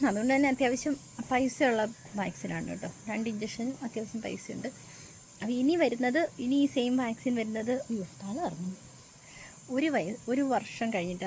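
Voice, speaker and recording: A woman's voice: fairly high pitch, a little mellow. Chatty mother vlogging on a noisy phone. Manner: chatty, explains as she goes, coos to her toddler. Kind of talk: casual vlog chat. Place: outdoors and in a car.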